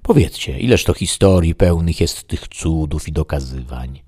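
A grand, solemn old knight-errant speaks in a very deep, husky, dark voice, as a male audiobook reader plays him. He declaims in lofty, earnest tones, and the recording is dry and close. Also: moderate pace, dry recording. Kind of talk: audiobook reading.

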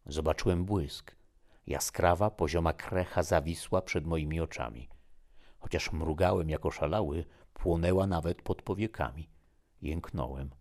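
A man reading a first-person story aloud in a measured, subdued way. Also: low-pitched, darkish tone. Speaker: narrator.

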